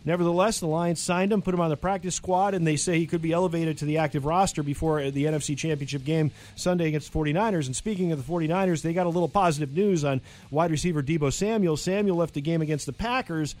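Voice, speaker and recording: A male host runs through sports news in a slightly high voice. He keeps it casual and conversational, dropping wry, sarcastic asides between items. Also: fast, hardly any pauses, darkish tone. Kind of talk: casual radio-style sports news with banter.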